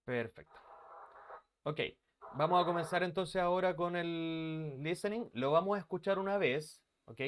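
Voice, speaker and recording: A man's voice: a little high, clear, resonant tone. A man teaching a live online English class from his bedroom, chatting casually and greeting students by name. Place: bedroom used as an office. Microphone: computer mic on a video call.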